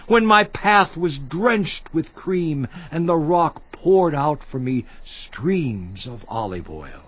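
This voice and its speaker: Guy doing job from the bible, slow solemn old-style declaiming, kinda high voice, dull lo-fi sound w/ soft music under it. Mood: wistful. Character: Job, aging afflicted man, grave and lamenting. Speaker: dramatized Bible character. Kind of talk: dramatized scripture reading.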